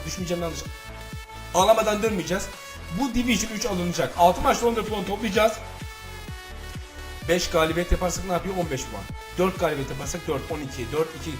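A man hosting a gaming channel, loudly commentating his own football match and swearing at it. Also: sits high. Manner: swears loudly and shouts at the game. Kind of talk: live gameplay commentary.

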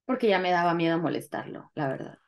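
A young woman with a Mexican Spanish accent, speaking quickly in a voice on the low side, tells her personal story as an interview guest. She keeps it animated and plays out the dialogue she quotes.

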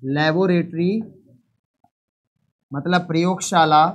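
A man's voice: fairly high pitch, fairly even intonation, slow. A man teaching a live online chemistry lesson, repeating each point and quizzing students.

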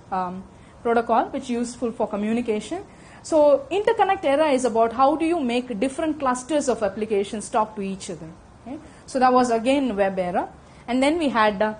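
A fast-talking middle-aged woman with an Indian accent presents a technical lecture in a conference room, holding a microphone and often asking her audience "okay?". Her voice is on the high side and a little mellow, with a slight hiss or hum present.

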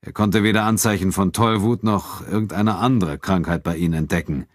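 A man reading an audiobook and voicing a calm, cold male town official who speaks in a measured, quietly firm manner. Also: low voice, no echo, clean studio sound, pitched above the performer's own voice.

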